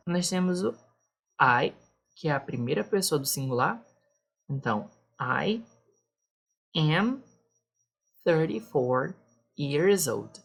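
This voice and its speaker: A woman's voice: sits low, creaky, breathy edge. A woman teaching a beginner lesson, patiently explaining each point twice. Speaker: English teacher.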